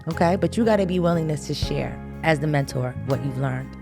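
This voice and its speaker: A woman's voice: deep voice, a little fast, creaky, music in the background. A woman hosting a faith-based talk show, encouraging listeners in a casual, preacherly way. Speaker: host.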